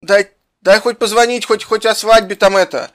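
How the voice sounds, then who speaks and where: A man playing a clumsy, injured young man in an improvised game role-play, groaning and complaining, with quick comebacks. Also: high-pitched, fairly even intonation, natural voice. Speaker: Minecraft role-play player.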